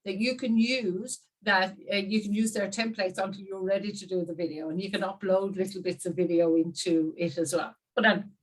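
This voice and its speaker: A woman's voice: mid-range voice, normal speed. Irish lady hosting an interview over a call, chatty, talks right to the viewers. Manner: lively, addresses viewers directly. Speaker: host. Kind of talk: casual interview chat. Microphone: video call.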